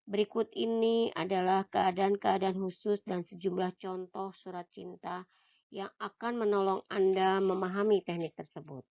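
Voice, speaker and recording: Calm woman reading a self-help audiobook. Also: medium pitch, creaky, muffled recording. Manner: calm, measured reading that drops soft and quiet on short list words. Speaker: audiobook reader.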